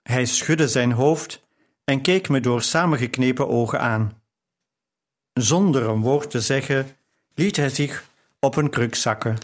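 A man narrates a novel in an audiobook. He reads at a slow, deliberate pace with a measured, even storytelling delivery. His voice sits at an ordinary male pitch. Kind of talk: scripted narration.

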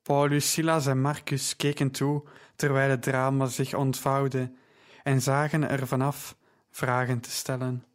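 A man narrating an audiobook in a calm, deliberate reading voice. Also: medium pitch.

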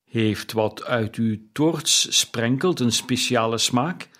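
Scrooge, an old miserly man with a pointed, higher voice, questioning and indignant, as a male reader puts him on, in an audiobook of a classic tale. He speaks slowly and carefully. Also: a bit bright. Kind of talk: audiobook character reading.

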